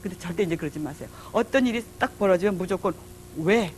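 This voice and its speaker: A middle-aged woman giving a public lecture on marriage and parenting, telling stories with lively acted-out dialogue. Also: on the low side, racing, a little hiss or hum. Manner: lively storytelling, acting out dialogue.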